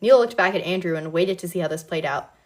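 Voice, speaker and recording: A woman's voice: lowish voice, quick pace. Woman casually reading a novel aloud. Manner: relaxed, breaks off to laugh and comment. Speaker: reader.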